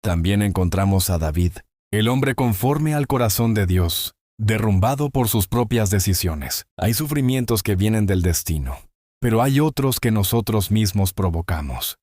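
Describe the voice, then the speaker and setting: Solemn low-voiced man narrating Bible reflections. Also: animated, darkish tone, no room sound, clean studio sound. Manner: solemn, measured, slow with drawn-out phrases. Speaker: devotional narrator. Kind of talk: scripted inspirational Bible narration.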